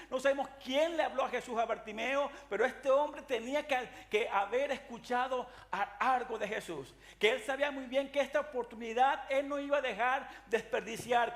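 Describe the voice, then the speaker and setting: A man preaching a sermon as pastor, earnest and searching, often restarting phrases and addressing his listeners as beloved brothers, with a Latin American Spanish accent. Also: extremely high pitch. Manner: earnest preaching with frequent restarts and repeated "mi amado hermano".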